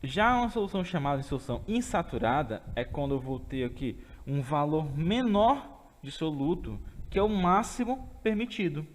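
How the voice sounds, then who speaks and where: A man's voice: a little high, sing-song, normal speed, in a large hall. A man teaching a remote chemistry lesson with a Brazilian Portuguese accent. He explains step by step and often checks in with his students. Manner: explains step by step, keeps asking "tá certo?".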